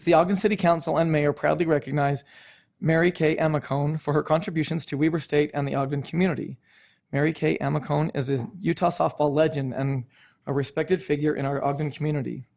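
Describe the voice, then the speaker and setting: Male council member, formal read-aloud, slightly high and creaky, even delivery, occasional stumbles. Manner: stumbles over words and corrects himself.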